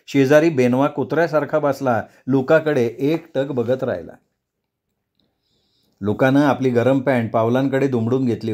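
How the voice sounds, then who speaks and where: Man reading a novel aloud, measured. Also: medium pitch, darkish tone. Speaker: storyteller. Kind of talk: audiobook novel narration.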